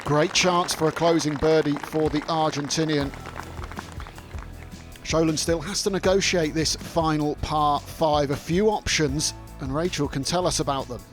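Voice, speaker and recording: A man's voice: fairly high pitch, fairly even intonation, a little slow, soft background music. A man working as a golf commentator, giving live play-by-play of the shots and scores.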